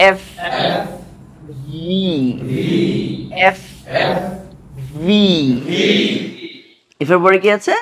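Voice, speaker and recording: A man teaching English pronunciation to a class, drilling letters slowly and patiently for students to repeat. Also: high voice, a bit bright. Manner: slow, patient, repeats each sound for students to echo.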